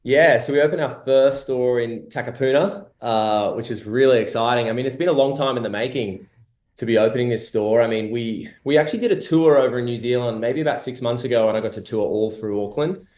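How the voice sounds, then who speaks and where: A man's voice: medium pitch, fairly quick, darkish tone. Upbeat man on a roomy line. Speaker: company owner, guest. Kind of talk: interview answers.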